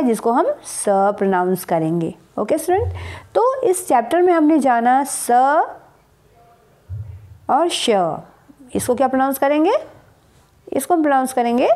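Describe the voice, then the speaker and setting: A woman teacher giving a recorded phonics lesson in Hindi, slowly drilling English word lists and answering her own questions. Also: fairly high pitch, dark tone.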